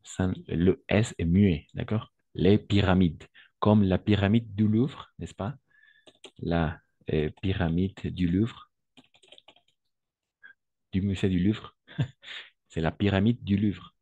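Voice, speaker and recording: A man's voice: deep voice, slow pace, pauses often, warm tone, slightly rough, dry recording, muffled recording. A man teaching French in an online lesson, patiently repeating words and correcting pronunciation.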